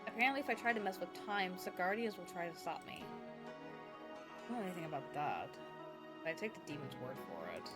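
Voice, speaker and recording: A woman's voice: on the low side, sing-song, brisk. A woman game streamer reading narration and dialogue from a story game aloud. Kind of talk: reading visual novel text aloud as a story. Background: background music.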